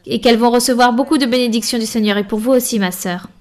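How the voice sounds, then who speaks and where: A woman provides a French voice-over for a Bible study and a church member's testimony, using measured, earnest short phrases. Her voice is slightly high and darkish in tone, with fairly even intonation.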